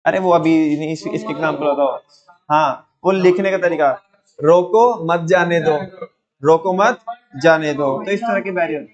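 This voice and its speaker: High-voiced man teaching a live class. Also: dull audio. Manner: call-and-response, quizzing students. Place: classroom with students.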